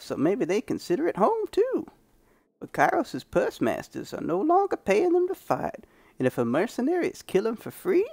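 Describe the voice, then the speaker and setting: A man voicing a grizzled old male prospector who leads a frontier town, with a slow, drawling storyteller manner. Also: extremely high pitch, vocal fry, a little mellow, no echo, studio quality, pitched above the performer's own voice, heavily acted. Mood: wary.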